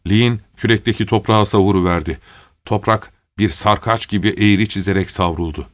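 A man reading a war story aloud as narrator, steady and measured. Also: on the low side, no echo.

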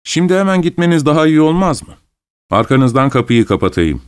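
A man narrating an audiobook voices a proud, irritable gentleman who speaks curtly and scornfully. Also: a little high, big pitch swings, a little fast, clean tone, voice pushed up. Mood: irritated. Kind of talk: audiobook character reading.

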